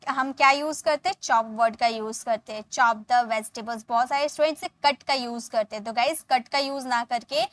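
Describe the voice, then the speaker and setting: A woman teaching English in Hindi. She explains each phrase, then slowly says the English sentence and checks in with "okay". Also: sits high, dry recording. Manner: repeats points, often adds "ठीक है" and "okay". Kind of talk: spoken English lesson.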